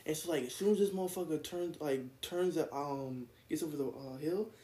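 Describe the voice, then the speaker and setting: A man's voice: on the high side, fairly quick, dark tone, echoey room. A young man in casual chat, telling a rambling story full of "like" and acted-out quotes. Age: young adult.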